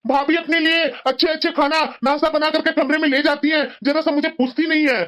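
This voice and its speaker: A stern young husband in a cartoon who keeps lecturing his wife about family duty. The voice sits fairly high for the part, with a scolding, righteous tone. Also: fairly even intonation, fairly quick, a bit bright. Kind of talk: Hindi cartoon voice acting.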